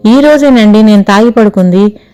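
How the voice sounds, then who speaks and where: A woman's voice: mid-range voice, moderate pace, warm tone, clear, resonant tone, soft background music, lightly acted. A woman voicing a regretful young man who keeps a tea stall, talking in a plain, aggrieved way.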